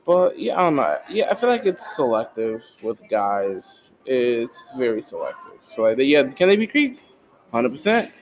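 A man's voice: mid-range voice, sing-song, normal speed, rough recording. A young man hosting a podcast in laid-back, slangy casual chat, tossing in "bro" often. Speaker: podcast host.

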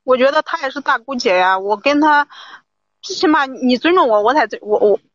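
A woman's voice: high-pitched, animated, fairly quick, no echo, highs cut off. A woman caller on a livestream advice show, insistently complaining that she was not respected, often repeating herself.

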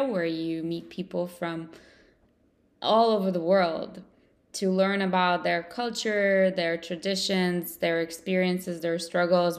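A woman hosting a podcast, asking questions and sharing her views in a conversational way. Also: on the low side. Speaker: podcast host. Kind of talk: conversational interviewing.

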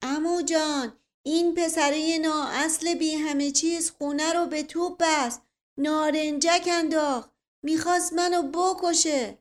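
A woman's voice: high-pitched, voice pushed up, natural voice. A woman voicing a spiteful young man in a storybook who whines out his accusations. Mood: whining.

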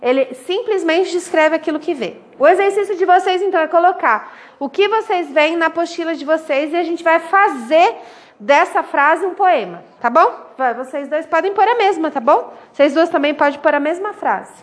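In this classroom instruction, a female teacher goes step by step and counts syllables aloud. Her pitch is extremely high and her pace moderate, recorded from afar in an echoey space.

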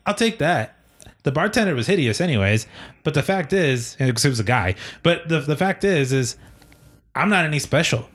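A man's voice: on the high side, expressive, moderate pace, fairly bright tone. A man in his thirties co-hosting a gaming podcast, chatting casually in a rambling way, laughing often and swearing now and then. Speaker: podcast co-host. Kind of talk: casual chat.

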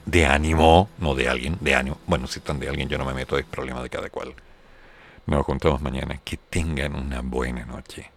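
Brief: male radio host, extremely deep and gravelly, mock-wounded sarcasm. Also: fairly even intonation, a little fast, faint music behind. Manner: sarcastic, theatrical complaining. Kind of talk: casual radio monologue.

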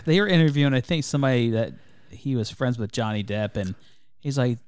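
A man co-hosting a casual podcast, quick to laugh and animated. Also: mid-range voice, clear, resonant tone. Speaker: podcast co-host. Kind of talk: casual chat.

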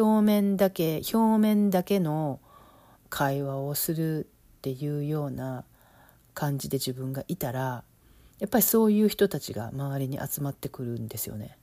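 A middle-aged woman with an Osaka lilt talks things over in a relaxed, reflective way, pausing on fillers and letting out small laughs. Her voice sits low and warm. The sound is dry and close, with no room echo. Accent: Osaka Kansai Japanese. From Osaka, Japan. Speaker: business coach, podcast host. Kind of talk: casual monologue.

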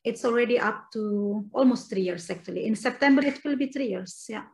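A woman's voice: on the high side, fairly quick, darkish tone, low-quality recording. A woman in her thirties from Indonesia, a podcast guest chatting at an easy pace, laughing often and rephrasing as she talks. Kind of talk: casual interview chat.

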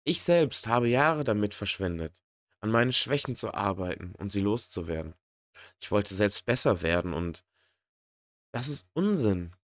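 A man's voice: on the low side, animated, a little slow, no room sound. A man in a motivational monologue who speaks earnestly and directly to the listener. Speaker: podcast host.

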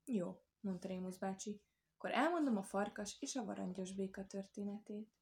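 A woman's voice: mid-range voice, natural voice. A woman voicing a kindly old man who teases a little boy before telling him a story. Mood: gentle. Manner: gentle, teasing.

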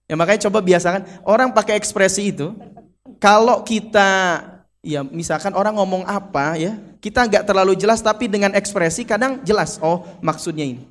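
A man with a Sundanese accent preaching a lively, playful sermon to women at a mosque. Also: high-pitched, moderate pace. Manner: lively and playful, acts out quotes and mimics.

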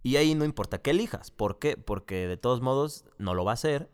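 A man's voice: medium pitch, lively intonation, fairly quick, clean tone. A man with a Mexican accent giving a casual, profane, rambling spoken review full of slang and restarts. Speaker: video reviewer.

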